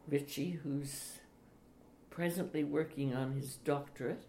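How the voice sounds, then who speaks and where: An older woman, a retired teacher, speaking slowly and reflectively in an interview. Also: sits low, steady tone, gravelly. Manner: slow, reflective, with soft laughs. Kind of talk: oral history interview. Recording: echoey room, faint hiss.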